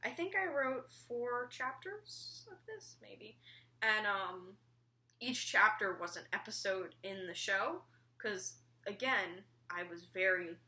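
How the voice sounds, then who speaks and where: A woman's voice: mid-range voice, lively intonation, takes it slowly, sharp tone. A young woman in her late teens talks in a casual, rambling vlog, full of "like" and "um" and casual swearing. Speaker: vlogger.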